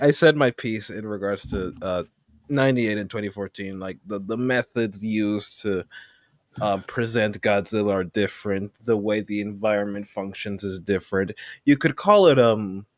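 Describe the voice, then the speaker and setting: A man's voice: on the low side, moderate pace, no echo, studio quality. A man co-hosting a casual panel podcast, joking and arguing with frequent restarts. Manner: joking, argues with hesitant restarts. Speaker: podcast co-host.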